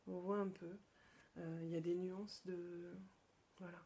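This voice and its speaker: A woman from France hosting her own podcast, chatting casually and hesitantly, with many fillers and restarts and soft whispered asides. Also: lowish voice, level tone, unhurried, slightly rough. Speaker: podcast host. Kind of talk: casual show-and-tell chat.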